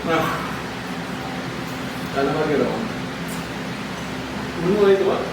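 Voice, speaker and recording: Male podcast host, high-pitched, informal group chat, far from the mic with clear background noise. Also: animated, a little slow. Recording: echoey room, distant mic, noisy background.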